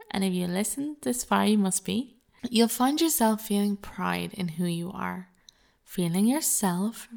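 A woman reading a scripted hypnosis narration in a measured, soothing, persuasive way. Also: mid-range voice, creaky, a little mellow.

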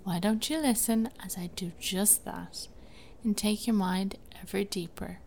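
A woman playing an imperious, seductive princess hypnotist in a soft ASMR role-play, speaking slowly and closely, right in the listener's ear. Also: medium pitch, slight background noise. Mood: soothing, hypnotic.

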